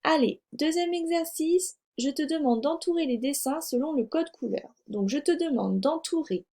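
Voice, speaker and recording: A woman's voice: high voice, moderate pace, dark tone. A woman teaching a reading lesson to young children, speaking patiently, repeating words and spelling them out letter by letter for dictation. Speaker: first-grade teacher.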